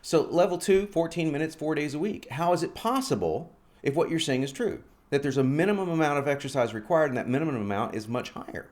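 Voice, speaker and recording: Animated middle-aged man pitching fitness. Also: fast. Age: 40s. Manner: animated storyteller, acts out both sides of dialogue. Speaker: fitness vlogger. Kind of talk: casual promotional vlog.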